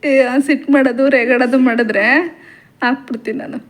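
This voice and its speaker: A woman's voice: a little high, steady tone, brisk. A woman in her forties with a Kannada accent, a mother chatting and teasing her daughter in a home kitchen at night. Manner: teasing, bossy, laughing. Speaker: vlogger, mother. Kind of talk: casual family chat.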